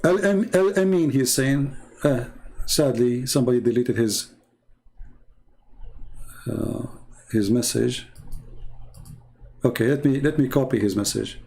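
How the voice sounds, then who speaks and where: An online religious debate host runs a live-stream, reading viewer comments aloud and replying in combative, mocking, non-native English. His mid-range voice is warm and creaky, unhurried, with frequent pauses.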